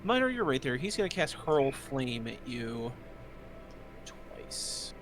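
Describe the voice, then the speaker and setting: Male game master over clear music. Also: mid-range voice, very animated, takes it slowly. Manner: informal, with spoken sound effects. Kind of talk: narrating a tabletop role-playing game. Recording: music behind the voice.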